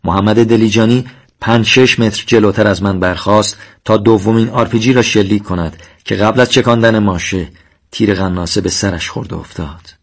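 Male narrator with a somewhat low voice for a steady, solemn reading of a war memoir.

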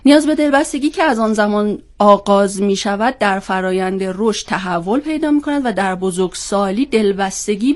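A woman with a cold and a congested, stuffy-nosed voice, explaining step by step as a guest expert on a panel. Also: medium pitch. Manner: throat-clearing, explains step by step with rhetorical questions. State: has a cold. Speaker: psychologist guest on a panel discussion.

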